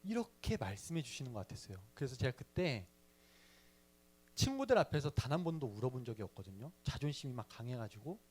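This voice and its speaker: A man's voice: mid-range voice, very animated, a little fast, a little mellow. A young man telling his personal faith story in a sermon to a youth service, chatty and playful with the audience. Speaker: youth ministry speaker.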